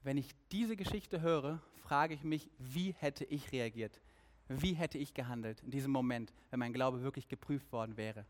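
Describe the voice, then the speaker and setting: A man's voice: medium pitch, moderate pace. A man preaching a sermon, earnest, with questions aimed at the listeners.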